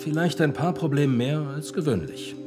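A man's voice: a little high, expressive, normal speed, over music, close to an everyday voice. An actor playing a grown-up Harry Potter as a mild, placating family man in a radio play. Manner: mild, placating, slightly weary.

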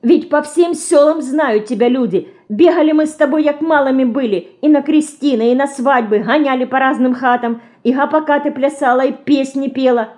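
A woman reading an audiobook, voicing an earnest village girl with Ukrainian-tinged rural speech who lectures slowly and solemnly. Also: sits high, darkish tone, pitched above the performer's own voice, close to an everyday voice. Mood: pleading. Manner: slow, solemn, folksy lecturing.

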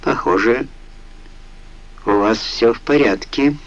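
A man's voice: medium pitch, slow, dull audio, close to an everyday voice. Caring young heroine with a worried plea, lightly voiced by a male audiobook reader. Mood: gentle. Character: anxious caring young woman.

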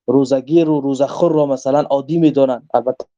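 A man's voice: mid-range voice, fairly even intonation, dark tone, highs cut off. A man with a Tajik accent giving a religious lesson, reading from a book and explaining each quoted verse in earnest, emphatic tones. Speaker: religious teacher.

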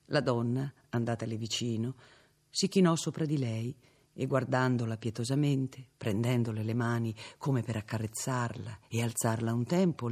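A man giving a measured, dramatic reading of a classic novel as an audiobook. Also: mid-range voice, a little mellow, slightly rough. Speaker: audiobook reader. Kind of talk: literary narration.

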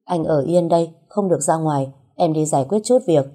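A woman voicing a sharp-tongued young wife who teases and scolds her husband out of jealousy. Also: deep voice, a little fast. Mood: urgent. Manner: teasing, scolding.

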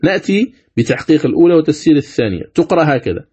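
A fairly high-voiced man with a mellow, dark tone teaches Quran recitation. He explains each rule step by step, then chants the examples with long, stretched vowels. The recording sounds dull and lo-fi. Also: expressive, racing, breathy edge. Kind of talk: recitation lesson.

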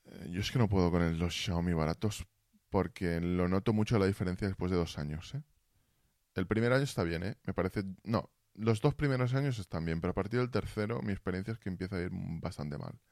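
Casting: deep-voiced male streamer, casual and fumbling with his mic, close dry sound. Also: brisk, darkish tone, dry recording. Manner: fumbling with audio gear, asking chat for feedback. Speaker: Twitch streamer. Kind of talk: casual live-stream chat. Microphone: desk mic, then built-in computer mic.

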